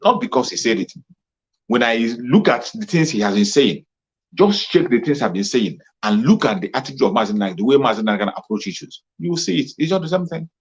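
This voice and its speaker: A fervent man speaks in a husky, slightly rough voice at a middling pitch, pressing his points again and again like a rallying commentator. The sound is muffled and lo-fi, with the top end dulled. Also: very animated, fast. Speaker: political commentator. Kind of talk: impassioned political monologue. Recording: muffled lo-fi recording.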